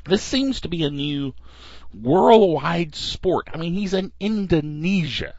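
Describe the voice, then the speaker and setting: A male podcast host delivers a casual monologue, lively, wry and chatty, reading listener email aloud. His voice is medium-pitched with no room sound, though the podcast audio is dull and lo-fi.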